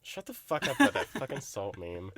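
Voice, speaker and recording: A young man co-hosting a podcast in casual chat, swearing freely, animated and laughing often. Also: medium pitch, moderate pace, no echo. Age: young adult. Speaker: podcast co-host.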